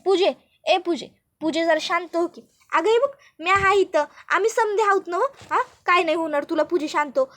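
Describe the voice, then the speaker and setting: A woman's voice: extremely high pitch, moderate pace, fairly bright tone. Woman doing an earnest rustic village girl. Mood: soothing. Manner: rural dialect, earnest pleading.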